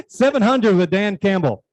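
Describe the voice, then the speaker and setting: High-voiced man auctioneer chanting bids. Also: animated, a little slow, darkish tone, poor audio. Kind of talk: live auction calling with repetitive bid chant.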